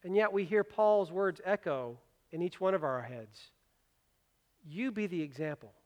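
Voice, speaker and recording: A man's voice: high-pitched, lively intonation, a little slow, highs cut off. A man preaching a sermon as pastor, talking conversationally and with emphasis, mixing in personal asides. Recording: long reverb of a large hall.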